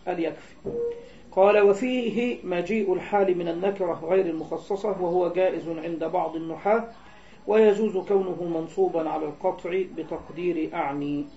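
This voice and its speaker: Egyptian male teacher, high soft-toned voice, lecture recorded on dull lo-fi audio, asks questions and answers them himself. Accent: Egyptian Arabic. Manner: keeps asking his students rhetorical questions, then answers them himself; alternates between reading the text aloud and explaining it in colloquial terms. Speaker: Islamic jurisprudence teacher. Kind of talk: explaining a classical text line by line.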